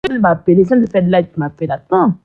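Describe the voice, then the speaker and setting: A woman's voice: on the low side, lively intonation, racing, vocal fry, narrow, tinny audio. A woman hosting a live stream, ranting at her viewers in a combative, mocking way and often asking "hein?".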